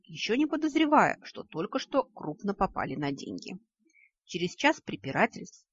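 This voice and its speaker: Lady reading a fantasy audiobook, ironic, lively swooping pitch, husky, dull dry recording. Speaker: audiobook reader. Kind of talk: expressive audiobook narration.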